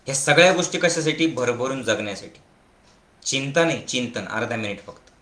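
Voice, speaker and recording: Man, spiritual teacher, emphatic, very animated pitch, slogan-like repetition, echoey room. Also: fairly quick. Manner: emphatic, keeps asking listeners if they follow; repeats short slogan-like phrases. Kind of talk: spiritual discourse.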